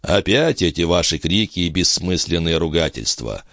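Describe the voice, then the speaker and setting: A man voicing a tired, haughty count who answers slowly and with calm disdain. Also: sits low, no room sound, clean studio sound, heavily acted. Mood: disdainful. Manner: slow, languid, condescending.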